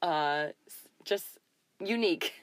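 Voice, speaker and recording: Giggly low-voiced woman, casual chat. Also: slow pace, no echo. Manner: giggly, animated, laughs often. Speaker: podcast co-host.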